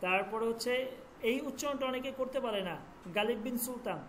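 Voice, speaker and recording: A man teaching a language class online, repeating each letter sound slowly and checking that students follow. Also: extremely high pitch, fairly bright tone, a little hiss or hum.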